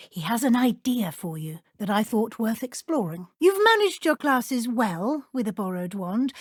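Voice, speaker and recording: Professor Weasley, a high-voiced British witch teacher. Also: no room sound, clean studio sound. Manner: crisp, formal, articulate schoolteacher. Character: brisk, strict but encouraging witch professor. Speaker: professor and deputy head at a wizarding school. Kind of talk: video game character dialogue.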